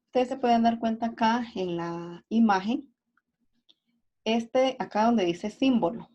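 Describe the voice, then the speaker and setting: A woman's voice: mid-range voice, dark tone. A woman teacher, going through a class review step by step and often checking in with "right?". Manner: explains step by step, often asks "¿verdad?" and "¿sí?". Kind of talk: recorded class review lesson. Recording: dull lo-fi recording.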